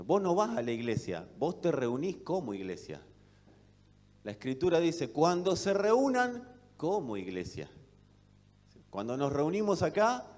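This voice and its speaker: Argentine preacher in a reverberant hall. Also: male voice, fairly high pitch. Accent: Argentine Spanish. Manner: rhetorical questions, swings between loud and soft. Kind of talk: sermon. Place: church hall. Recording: long reverb of a church hall.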